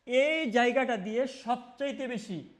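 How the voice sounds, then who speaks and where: A man's voice: very high-pitched, measured pace. A male biology teacher, lecturing and answering his own questions while repeating key terms. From Mymensingh, Bangladesh. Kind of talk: classroom lecture.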